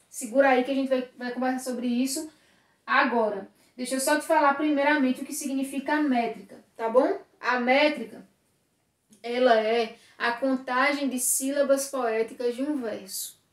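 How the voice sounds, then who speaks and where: Woman teacher, high voice, patient step-by-step explainer, recorded from a distance in a roomy space. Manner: explains step by step, checks in with "tá bom?". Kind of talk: classroom lesson at a whiteboard. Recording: echoey room, voice from a distance.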